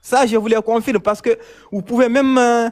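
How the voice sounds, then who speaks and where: A man's voice: very high-pitched, fairly even intonation, normal speed. A man from Mali calling in, talking insistently with many hesitations and repetitions. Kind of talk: casual chat, phone-in debate.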